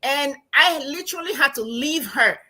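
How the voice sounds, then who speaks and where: A woman with a Ghanaian accent talks as a podcast guest over a remote line. Her voice sits slightly high and rings bright and forceful. She tells stories with animated emphasis. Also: moderate pace. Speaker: guest, anthropology professor and financial coach. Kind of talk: casual podcast interview.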